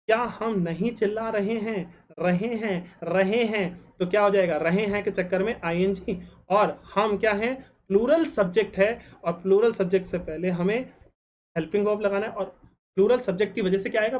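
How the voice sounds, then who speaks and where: Male tutor slowly spelling out sentences. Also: sits high, darkish tone, dull audio, a little hiss or hum. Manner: slows down to spell out each English example sentence; asks the class questions and answers them himself. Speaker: English teacher. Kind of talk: grammar lesson.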